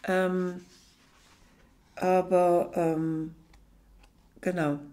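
A woman's voice: fairly low pitch, little pitch movement, dark tone, slight background noise. A woman talking thoughtfully about a book, with hesitations, and then reading passages from it aloud. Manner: thoughtful, hesitant, many pauses. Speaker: book presenter.

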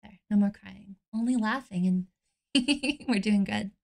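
A woman streamer chatting casually while she plays a game, playful, cutesy and quick to apologize. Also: medium pitch, creaky, darkish tone. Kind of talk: casual gaming livestream chat.

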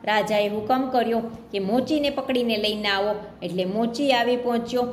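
A woman reads a folk tale aloud in a storybook manner and gives voice to each character's lines herself. Her voice sits fairly high. The recording carries a roomy echo with faint noise behind it. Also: moderate pace. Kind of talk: storybook narration. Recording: echoey room with faint background noise.

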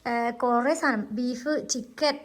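Young woman vlogger, brisk and chatty, slightly high voice, noisy outdoor phone sound. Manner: chatty, fast, teasing. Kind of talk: casual vlog narration. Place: outdoors and at home.

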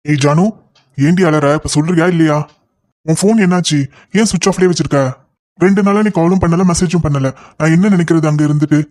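A man voicing an impatient young lover in a cartoon, talking fast and insistently. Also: on the high side, a little mellow, natural voice. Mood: scolding. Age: young adult. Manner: rapid, insistent scolding. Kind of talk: cartoon voice acting.

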